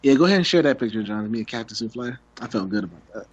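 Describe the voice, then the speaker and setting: Lively jokey man on lo-fi audio. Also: mid-range voice, racing, very noisy. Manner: jokey and playful. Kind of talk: casual podcast chat.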